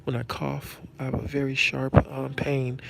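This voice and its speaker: A man talks casually to his stream in a gravelly, creaky voice of average pitch. His speech is slightly thick, as if numb from the dentist, with a numb tongue and cheek after a stroke. He halts and repeats phrases over some background noise. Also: monotone, moderate pace. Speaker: live-streaming host. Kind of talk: casual chat to viewers.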